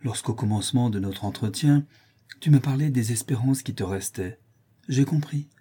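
Audiobook: grave earnest father-prince male narrator, warm, breathy, somewhat raised. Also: medium pitch, moderate pace, lightly acted. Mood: solemn. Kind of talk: audiobook reading.

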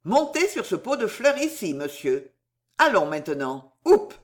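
A woman reading aloud, voicing a brisk, shrewd young manservant who gives urgent, sharp warnings. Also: medium pitch, sing-song.

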